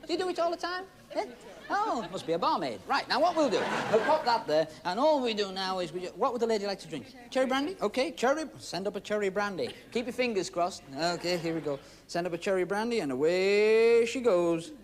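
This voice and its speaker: A man's voice: high-pitched, very animated, fast. A man hosting a magic show, chatting and teasing through stage patter before a studio audience. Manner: chatty, teasing, playful asides. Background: audience noise and laughter.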